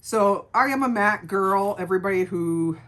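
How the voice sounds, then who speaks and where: A middle-aged woman with a gravelly voice, chatting casually through a beauty product review and repeating words for emphasis. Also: medium pitch, normal speed, fairly bright tone. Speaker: beauty vlogger.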